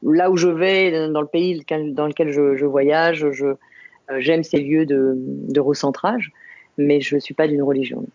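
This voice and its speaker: A woman of about fifty from the Paris suburbs, a podcast guest talking about her life in a reflective, unhurried way, pausing and restarting often. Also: sits low, steady tone, darkish tone, dry recording, lo-fi sound. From Paris suburbs, France. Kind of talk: podcast interview conversation.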